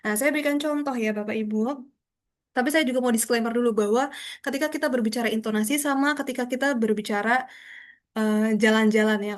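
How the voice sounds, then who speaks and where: A young woman lecturing a public speaking class over a video call, explaining patiently with frequent tag questions. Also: a little high. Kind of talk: online class instruction.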